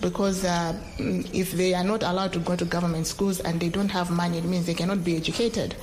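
A somewhat low female voice with a Malawian accent and faint ambient noise behind it. She speaks as a lawyer, explaining points in an interview. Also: little pitch movement, brisk, darkish tone.

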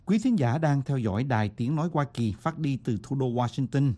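A man reading a scripted radio commentary and announcements in a formal, measured way. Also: medium pitch, animated, warm tone. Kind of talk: scripted broadcast narration.

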